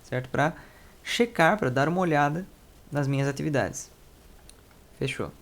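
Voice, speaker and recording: A Portuguese-speaking man teaching English, reading sentences aloud, repeating phrases slowly and explaining them in casual lesson style. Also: fairly high pitch, a bit bright.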